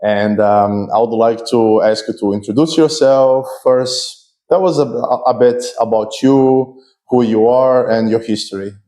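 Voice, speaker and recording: Mellow-voiced male interview host. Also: mid-range voice, fairly even intonation, a little slow. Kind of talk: casual interview hosting.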